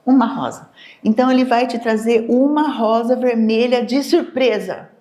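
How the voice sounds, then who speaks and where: A woman with a Brazilian accent giving a live neuroscience lecture to an audience. She explains in a lively way and acts out everyday dialogues in quoted voices. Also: on the high side, normal speed.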